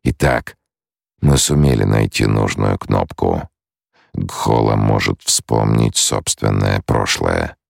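Man doing Scytale, slow scheming shapeshifter. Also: rumbling low, creaky, no room sound, clean studio sound, soft background music, exaggerated voice. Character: cunning male face dancer, scheming menace.

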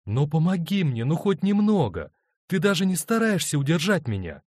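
A man's voice: medium pitch, animated, moderate pace, darkish tone, no echo, studio quality, pitched above the performer's own voice, lightly acted. A man reading an audiobook, voicing an adult woman torn between two men who speaks in an earnest, pleading way.

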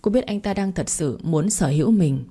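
A woman narrating a story in a steady, plain reading voice. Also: on the low side, moderate pace, breathy edge.

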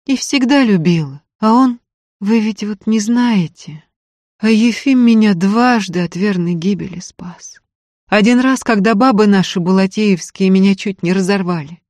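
A woman's voice: mid-range voice, a little slow, darkish tone, dry recording, pitched above the performer's own voice, lightly acted. A woman voicing a tearful, self-blaming young peasant woman who talks in plaintive, folksy village speech. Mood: sad, pleading.

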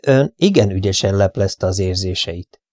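A man reading an audiobook, playing a dry, measured older detective who asks careful questions. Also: low voice, lively intonation, a little mellow, no room sound.

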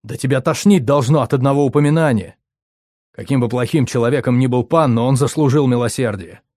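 A male narrator voicing a furious young man who shouts indignantly at his comrades. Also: mid-range voice, fairly quick, dry recording, clean studio sound, pitched above the performer's own voice, natural voice. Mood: furious shouting.

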